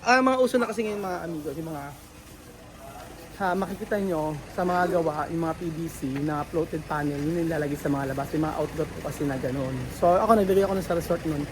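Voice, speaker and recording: A man's voice: a little high, fast talker, noisy background. A man from the Philippines vlogging casually in a house under renovation, chatting to his viewers with many fillers and restarts. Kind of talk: casual vlog commentary to viewers.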